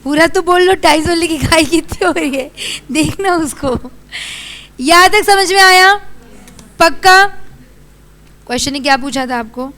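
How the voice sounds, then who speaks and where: A young Indian woman teaching a class, brisk and scolding as she quizzes her students. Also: extremely high pitch, bright, forceful tone. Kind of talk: classroom lecture.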